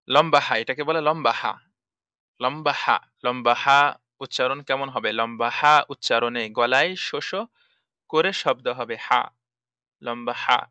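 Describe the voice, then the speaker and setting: A man's voice: mid-range voice, sharp tone, dry recording. A man teaching Arabic letters for Quran reading, patiently repeating each sound drill-style.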